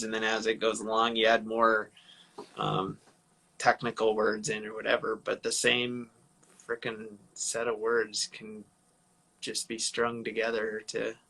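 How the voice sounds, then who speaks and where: A man's voice: fairly low pitch, creaky, sharp tone, low-quality recording. A man co-hosting a casual live show, thinking aloud in a reflective way. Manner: reflective, musing. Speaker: podcast co-host. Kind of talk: casual live-stream chat.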